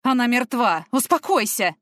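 A woman reading an audiobook, voicing a tall, stern man who barks orders in a low, slightly husky voice. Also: moderate pace, no room sound, clean studio sound, close to an everyday voice. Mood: commanding. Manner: barking orders. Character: tall broad-shouldered stern man, gruff and commanding.

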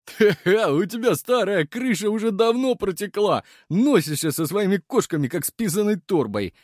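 A jeering bearded village man in his thirties, as a male narrator puts him on in an audiobook. The voice is raised well above the narrator's own and bounces lively. It is dry and close. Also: sits high, moderate pace, no echo, voice pushed up. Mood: mocking. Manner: jeering, laughing.

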